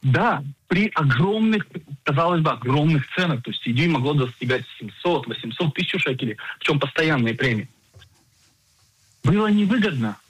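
A man in his forties, an insurance agent and financial planner, explaining coverage in a radio interview in a measured way with frequent hesitations. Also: fairly high pitch, big pitch swings, a bit bright, husky, dry recording, rough recording.

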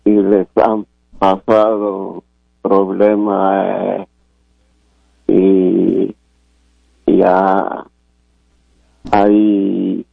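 A man from Guatemala calling in, asking a question in a halting, hesitant way over the phone. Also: low voice, completely flat delivery, creaky, no room sound. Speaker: caller. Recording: tinny phone line.

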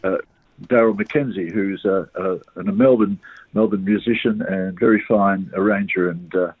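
An older man from Sri Lanka, an orchestra conductor, answering radio interview questions in a halting way with many pauses and restarts. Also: low-pitched, fairly even intonation, husky, no room sound. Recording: tinny phone line.

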